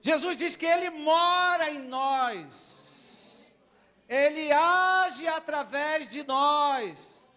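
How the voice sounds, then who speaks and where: High-voiced, slow-speaking male pastor preaching. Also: animated. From Brazil. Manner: keeps asking the congregation for amens, swings between soft and loud. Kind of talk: sermon. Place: church.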